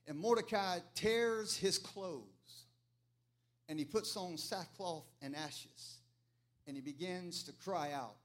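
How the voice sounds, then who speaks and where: High-voiced preacher in full fervor. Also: male voice, fairly bright tone. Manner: preaching in rising waves, chanting when fervent. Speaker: pastor. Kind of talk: sermon. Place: church sanctuary.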